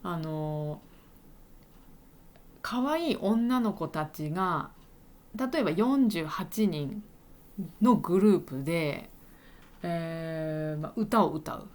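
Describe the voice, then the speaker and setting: A woman who hosts a podcast for learners, telling an everyday story and stopping to slowly explain and repeat words for her listeners. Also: on the low side, lively intonation, darkish tone. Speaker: Japanese teacher podcaster.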